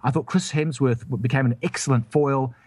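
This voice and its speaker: A man's voice: mid-range voice, steady tone, a little fast, darkish tone, husky, no room sound. A man hosting a casual film review chat, rambling and hesitant with many restarts. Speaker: film review show host.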